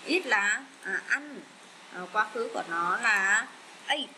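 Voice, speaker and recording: A woman with a Vietnamese accent teaching English vocabulary, repeating each word slowly with many fillers. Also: a little high, lively intonation, bright, forceful tone, a little hiss or hum, poor audio. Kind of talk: slow bilingual vocabulary lesson.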